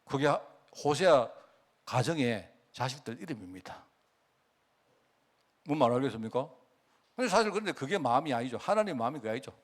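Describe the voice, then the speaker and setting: A middle-aged pastor, preaching a sermon and often asking the congregation questions. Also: male voice, medium pitch, fairly quick, long pauses. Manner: animated, asks the congregation questions; acts out God's words in quoted speech.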